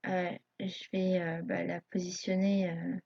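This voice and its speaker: A woman's voice: on the low side, little pitch movement, measured pace, vocal fry, mellow, dry recording. A woman walking viewers through a screen tutorial, talking hesitantly with many fillers like a self-conscious beginner. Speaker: YouTube tutorial maker. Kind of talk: live screen tutorial narration. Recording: dull lo-fi home recording.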